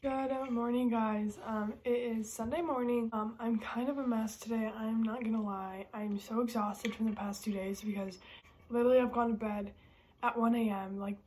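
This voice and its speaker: A woman's voice: fairly high pitch, fairly even intonation, moderate pace, darkish tone, slight background noise. A young woman talking casually to camera in a vlog, chatty and full of "like" and "basically". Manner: chatty, uses lots of "like" and "basically". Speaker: vlogger.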